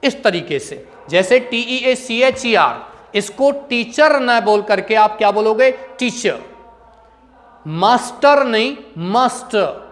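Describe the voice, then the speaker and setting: A man's voice: high voice, measured pace, fairly bright tone, long reverb tail. A man teaching a spoken English lesson. He drills his students by asking the same question again and again.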